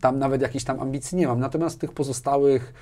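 Talking fast in a dark, mid-range voice with fairly even intonation, a business manager sits for a casual interview in a small furnished indoor studio. Picked up by a lapel mic, he frequently repeats words and checks in with short tag questions.

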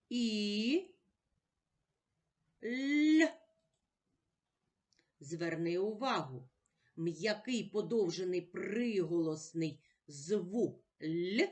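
A woman teaching a special-education lesson at a very slow, deliberate pace. She sounds out each word patiently, and her pitch lifts and falls a lot as she coaxes the class along. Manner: patient, drawn-out, sounds words out one by one.

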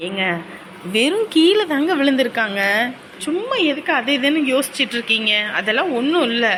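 A woman's voice: high-pitched, expressive, brisk, a bit bright, slight background noise, poor audio. A woman playing a reassuring daughter-in-law. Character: caring daughter-in-law consoling her husband. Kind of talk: comic sketch acting.

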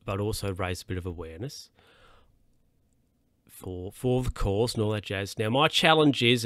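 A man's voice: medium pitch, fairly bright tone, smooth, no echo, clean studio sound. An Australian man hosting his own podcast, rambling casually with lots of fillers and restarts, a little tired. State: yawning, a bit tired. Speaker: podcast host. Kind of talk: casual solo podcast monologue.

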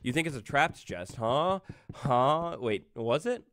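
A man's voice: medium pitch, lively intonation, slow pace, fairly bright tone, slight background noise. A man live-streaming a game, nervous and jittery, talking to his chat with many fillers and restarts.

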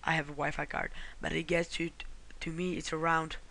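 A man's voice: a little high, level tone, a little fast, gravelly, pushed and bright. A man from Croatia, talking through a screen-recorded how-to walkthrough in a rambling way, often correcting himself and apologizing. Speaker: tutorial host.

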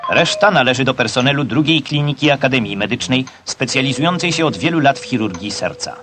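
An old newsreel voice-over from a man speaking in a formal, measured, official way. His voice sits at an ordinary middle pitch. Loud music plays beneath his narration. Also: lively intonation. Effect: old newsreel soundtrack.

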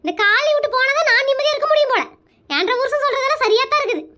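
A sharp-tongued village housewife, as a woman voices her in a cartoon, speaking. Her voice is very high and bright. She talks in a brusque, scolding way, with little patience. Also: lively intonation, rapid-fire, exaggerated voice. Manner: brusque, scolding, matter-of-fact. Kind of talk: cartoon comedy voicing.

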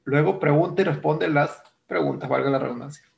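Male English teacher with a Mexican Spanish accent, fairly high and gravelly, walking students through a lesson patiently and repeating key terms. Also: brisk, darkish tone, highs cut off. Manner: explains step by step, repeats terms, asks "¿no?". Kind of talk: recorded online grammar lesson.

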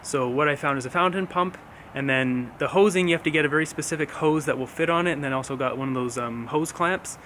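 A man's voice: a little high, fast talker, a bit bright, a little hiss or hum. A young man casually explaining a home repair in a loose vlog, with many fillers and restarts, filmed on a handheld camera at arm's length in a house basement. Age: young adult. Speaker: DIY home repair vlogger. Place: house basement and outdoor stairwell.

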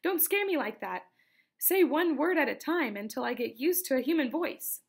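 A woman's voice: fairly high pitch, lively intonation, measured pace, gravelly, fairly bright tone, full character voice. A woman reading aloud, voicing a startled young boy who lives alone in the woods and talks eagerly and jumpily. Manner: eager, jumpy.

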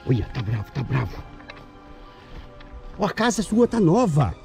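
A man with a Brazilian accent talks excitedly to his followers on camera, coaxing and calling out over and over. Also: a little high, unhurried, creaky, music in the background. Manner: coaxing, repetitive, calls out often. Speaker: vlogger.

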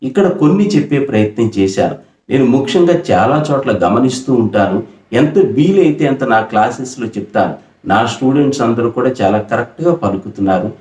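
A middle-aged man from Andhra Pradesh gives a patient, earnest pronunciation lesson for singers. He explains each point carefully and breaks into short sung examples. His mid-pitched voice sits in a roomy, echoing space. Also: expressive, fairly quick, darkish tone. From Andhra Pradesh, India. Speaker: music teacher. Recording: roomy echo.

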